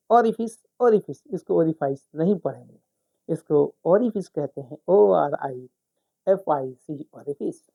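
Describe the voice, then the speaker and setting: A man teaching spoken English who explains each word slowly, repeats it many times and spells it out letter by letter. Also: high-pitched, creaky, warm tone. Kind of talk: explanatory lesson.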